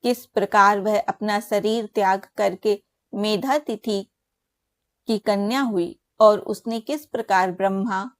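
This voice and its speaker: A woman voicing the male sage Narada, asking questions in a slow, reverent tone. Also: medium pitch, no room sound, close to an everyday voice. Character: sage Narada, a curious devout male seer.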